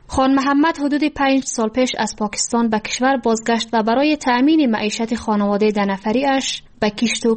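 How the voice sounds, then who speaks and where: A woman with an Afghan accent narrating a scripted radio news report as a reporter. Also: fairly high pitch.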